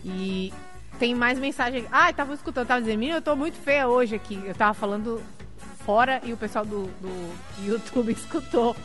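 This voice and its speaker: A woman hosting a live-streamed interview, chatting lively and reading out viewer messages. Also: on the high side, fairly quick, soft background music. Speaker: interview host.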